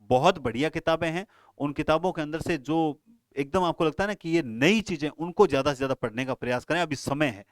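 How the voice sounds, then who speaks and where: A man teaches an exam-prep lesson. He advises his students earnestly and directly. His voice sits a little high, sounds smooth and clear, and the recording is close and dry. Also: no echo.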